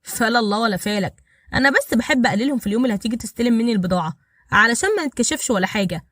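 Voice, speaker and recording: A woman's voice: fairly high pitch, racing, fairly bright tone, no echo, studio quality. A woman voicing a scheming, hot-tempered male gang boss with an Egyptian accent, sly and commanding. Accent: Egyptian Arabic. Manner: sly, then barking orders.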